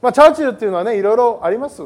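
A male pastor preaching a sermon to a congregation in a lively, joking way that often wanders off topic. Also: very high voice, very fast. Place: church service with a congregation.

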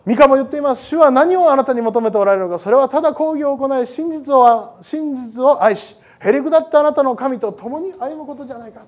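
A male pastor preaching a sermon to a congregation in a lively, joking way that often wanders off topic. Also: extremely high pitch, quick pace, hardly any pauses. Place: church service with a congregation.

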